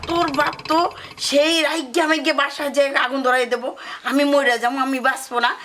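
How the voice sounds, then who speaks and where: A woman's voice: high-pitched, steady tone, fairly quick. An actress playing a fussing village mother who scolds her daughter about a rude son-in-law. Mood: scolding. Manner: scolding, calling out loudly. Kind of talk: rural comedy drama acting.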